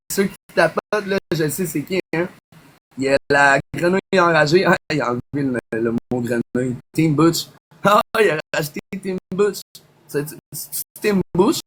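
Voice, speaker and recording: A man's voice: a little high, fairly bright tone. A man with a Québécois accent hosting a casual live stream outdoors, chatting with viewers and thanking them by name. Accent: Québécois French. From Quebec. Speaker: livestream host. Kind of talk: casual livestream chat to viewers. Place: outdoors across from a busy boulevard. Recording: faint street noise behind.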